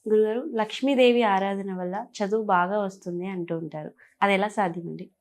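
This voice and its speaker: A woman's voice: medium pitch, steady tone, a little fast. Woman putting polite questions to a guru. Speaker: interviewer. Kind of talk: respectful interview questions.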